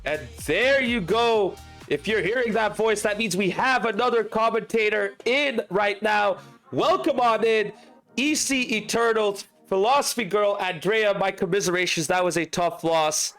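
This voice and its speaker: High-voiced excitable male commentator. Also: measured pace, soft background music. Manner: excitable, shouts at big plays. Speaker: esports commentator and stream host.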